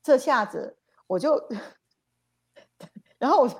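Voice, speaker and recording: A woman, a spiritual teacher telling dream stories on a livestream in an animated, repetitive way. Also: high-pitched, slow pace, vocal fry, husky. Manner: animated, repetitive retelling with sound words. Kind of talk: livestream storytelling talk.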